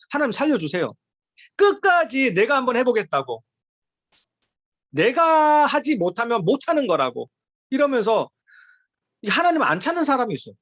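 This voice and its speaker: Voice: medium pitch, no echo. A preacher giving a sermon to a youth group, emphatic and pleading, with many rhetorical questions.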